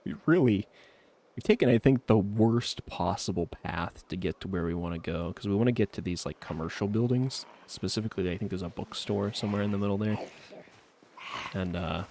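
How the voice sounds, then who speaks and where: A man's voice: fairly low pitch, normal speed, a little mellow, a little hiss or hum. A man streaming a video game, chatting to himself in a laid-back, rambling way. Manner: laid-back, rambling self-talk with frequent trailing fillers. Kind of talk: casual gameplay commentary.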